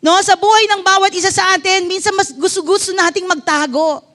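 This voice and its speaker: High-voiced Filipino woman pastor preaching. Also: fairly even intonation, fairly quick, a bit bright. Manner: fervent, mixes English into Filipino, asks the congregation questions. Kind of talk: sermon.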